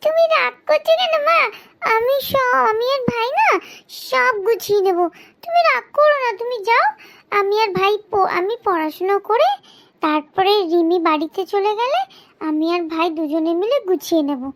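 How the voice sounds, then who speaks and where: A woman's voice: very high-pitched, expressive, normal speed, a bit bright, exaggerated voice. A woman voicing a naughty little boy in a cartoon who whines and pleads because he is scared of his mother. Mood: pleading. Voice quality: whiny, pleading. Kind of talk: cartoon dubbing.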